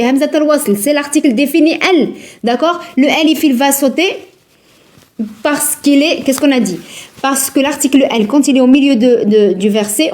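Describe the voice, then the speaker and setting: A woman teaching Quran recitation rules in a live lesson, patient and repetitive, drilling words slowly and asking her students questions. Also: sits high, darkish tone. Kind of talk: live online tajwid lesson.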